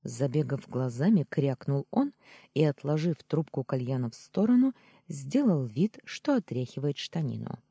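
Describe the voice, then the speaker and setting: A man reading a first-person audiobook in an expressive storytelling manner. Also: mid-range voice, normal speed, vocal fry, breathy edge, dry recording, studio quality. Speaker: audiobook narrator. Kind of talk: scripted first-person narration.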